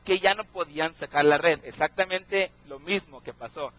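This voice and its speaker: A man's voice: fairly high pitch, moderate pace, a bit bright, lo-fi sound. A man preaching a sermon, often asking his congregation questions and checking in with them.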